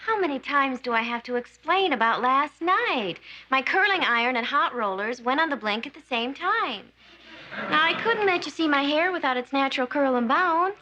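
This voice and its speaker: A pampered young wife with a bright, sharp, rather high voice. Her delivery is prim and affected, full of put-upon indignation. This is a 1980s sitcom with faint hiss underneath. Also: expressive, moderate pace, dull audio. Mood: indignant.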